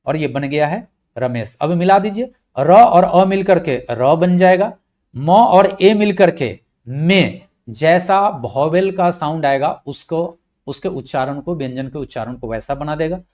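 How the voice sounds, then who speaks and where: Guy teaching grammar real slow, patient, voice a bit on the high side, spells out every letter. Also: lively intonation, darkish tone. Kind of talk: slow blackboard-style lecture.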